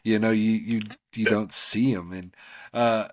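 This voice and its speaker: A man's voice: fairly low pitch, steady tone, a little slow. A man co-hosting a podcast, talking casually about TV shows in a rambling, slangy, conversational way. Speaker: podcast co-host.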